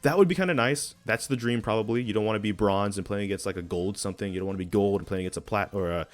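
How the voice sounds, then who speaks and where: A young man who runs a gaming channel, reading a post aloud and commenting on it in a chatty, animated way, often stumbling and correcting himself. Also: on the low side, very fast. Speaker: gaming video creator.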